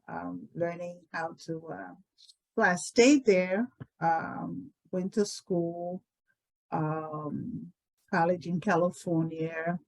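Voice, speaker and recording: A woman tells her life story at a very slow, deliberate pace. She speaks in a lowish voice and pauses often as she gathers her thoughts. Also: poor audio. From Liberia. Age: 60s. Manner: unhurried, thoughtful, many pauses and "um"s. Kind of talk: reflective personal storytelling.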